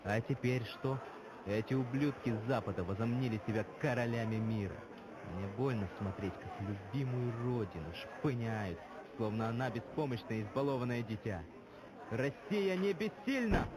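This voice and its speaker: Man playing a fervent Soviet-nostalgic orator, game character, grandiose, menacing, declamatory, medium pitch, noisy ambient recording. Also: moderate pace, lightly acted. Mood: bitter, defiant. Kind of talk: scripted dramatic speech. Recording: clearly noisy background ambience.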